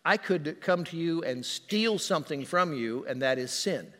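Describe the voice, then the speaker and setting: A man's voice: on the high side, expressive, a little slow, pushed and bright. Man preaching in a reverberant hall. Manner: conversational storytelling preacher, explains words. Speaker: pastor. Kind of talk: sermon.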